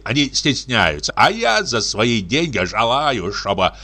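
A rowdy drunken brute in a mask, bellowing and jeering, his voice lively and bright as it swings around, as a man reading the story puts him on. He mocks everyone with booming laughs. A storybook bully through and through. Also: unhurried, full character voice. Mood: jeering swagger. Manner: boisterous, mocking, laughs loudly. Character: drunken swaggering masked man, rude and jeering.

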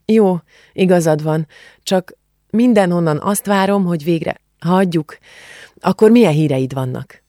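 A woman's voice: lowish voice, dark tone, no echo, studio quality, voice pushed up, lightly acted. A woman reading the part of an earnest, book-loving teenage refugee girl in an audiobook, heartfelt in tone. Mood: eager.

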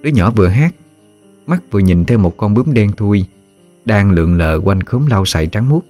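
A man narrating a story in a calm, measured storytelling voice. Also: lowish voice, soft background music.

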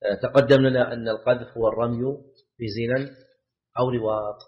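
Male religious teacher, mid-pitched voice, explanatory lecture with repeated words and questions, dull lo-fi recording. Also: fairly even intonation, fairly quick. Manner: repeats key words, asks the class questions. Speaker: Islamic scholar teaching a class. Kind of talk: lecture commentary on a legal text.

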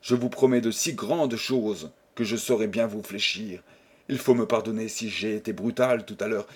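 A man's voice: lowish voice, normal speed, breathy edge. Proud desperate husband pleading hard, read by a man, audiobook voice. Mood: humble. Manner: fervent, imploring.

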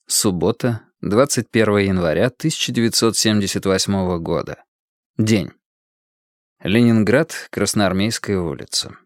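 A man reading an audiobook in a measured, dramatic storytelling manner. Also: lowish voice, dry recording, studio quality. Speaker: audiobook narrator. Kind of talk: audiobook narration.

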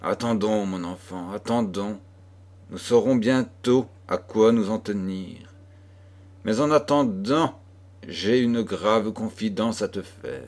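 A grieving mother weighed down by a dark secret, speaking gravely and with sorrow in a storybook reading, as a man voices her in his own low voice. Her words come slowly and heavily.

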